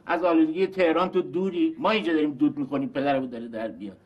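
A man's voice: a little high, steady tone, muffled recording, lightly acted. An actor playing a self-righteous eldest brother who scolds and insults his siblings over an inheritance. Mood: lecturing. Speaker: eldest brother in a family quarrel. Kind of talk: TV drama acting.

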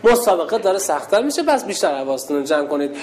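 A woman religious instructor leading a lively call-and-response game with young girls in a large hall. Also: fairly low pitch. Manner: lively, playful, calls out loudly.

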